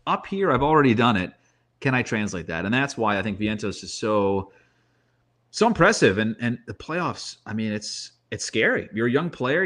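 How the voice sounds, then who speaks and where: A man with a medium-pitched, fairly bright voice talks animatedly about baseball in conversation. He makes his points emphatically and slips into storytelling as he goes.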